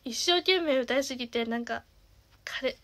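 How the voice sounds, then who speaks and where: A young woman in her twenties with a naturally nasal voice, chatting casually as a singer and streamer, with lots of fillers and the odd soft half-whisper. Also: high-pitched, moderate pace. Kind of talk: casual chat.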